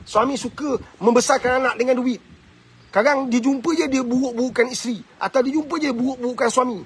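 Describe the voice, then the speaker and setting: A man with a Malaysian Malay accent hosting a live advice talk, answering viewer questions in an animated, preachy and teasing way. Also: high voice, slight background noise. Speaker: host giving advice.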